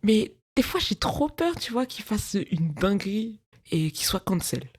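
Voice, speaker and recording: A woman's voice: mid-range voice, very animated, a little slow, slightly rough. Chatty young woman hosting a podcast. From France, of Cameroonian parents. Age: 20s. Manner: chatty, digressive, laughs often, slangy. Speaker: podcast host. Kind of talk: casual solo podcast chat. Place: her bedroom.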